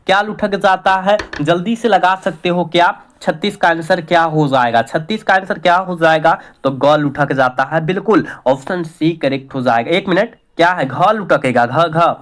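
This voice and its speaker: A man's voice: on the high side, fairly bright tone. A man with a Bihari accent running an exam revision lesson, repeating each question and coaxing his students along as a teacher.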